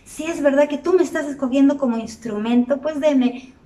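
A woman voicing a poor, timid young man who doubts himself and pleads with a halting, stammering manner, in a story for children. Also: sits high, mellow, recorded from a distance, lightly acted. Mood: pleading. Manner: hesitant, pleading, stammers a little. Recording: roomy echo, from off the mic.

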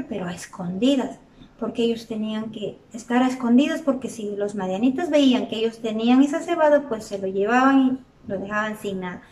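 A woman telling a Bible story to children in an animated way, often asking her listeners questions. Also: on the high side, far from the mic. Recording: roomy echo, from off the mic.

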